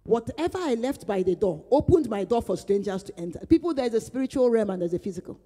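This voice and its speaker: Mellow-voiced woman pastor in a reverberant church hall. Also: on the high side, big pitch swings, fast. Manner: earnest, emphatic repetition, retells her prayers. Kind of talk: conversational Bible study teaching.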